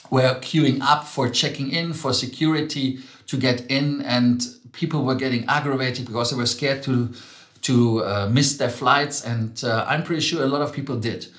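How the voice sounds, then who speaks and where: A man's voice: medium pitch, a bit bright, echoey room. A man with a German accent hosting a travel news show, chatting casually with many ums and self-corrections.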